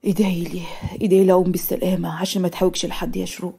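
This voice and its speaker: A woman voicing a gentle, modest young man with an Egyptian accent, speaking softly, in a cartoon story. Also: mid-range voice, very fast, lightly acted. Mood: subdued.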